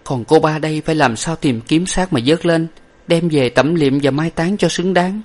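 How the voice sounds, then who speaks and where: A man voicing a gentle, grieving young woman in a storybook, with a soft, earnest manner. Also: on the high side, fast talker, pitched above the performer's own voice, close to an everyday voice. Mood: sorrowful. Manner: soft, raised voice, quiet and earnest.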